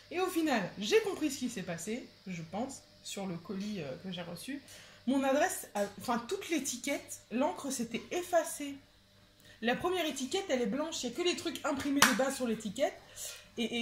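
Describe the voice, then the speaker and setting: A young woman chatting excitedly as she unboxes a craft kit at home, often stumbling and repeating words. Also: high voice. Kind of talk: casual unboxing chat. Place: home with a washing machine running.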